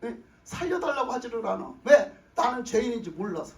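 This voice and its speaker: Preaching emphatically in a church sanctuary full of congregants, a pastor repeats phrases and throws questions at the crowd. His mid-range voice is animated and fairly quick, with vocal fry. The mic sits far away, so the sound is roomy and echoing.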